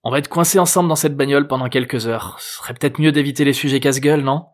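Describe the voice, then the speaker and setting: A man's voice: medium pitch, racing, pitched above the performer's own voice, close to an everyday voice. Man voicing an awkward middle-aged guy, hesitant, stammering, slightly raised voice, audiobook. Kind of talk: audiobook character voice.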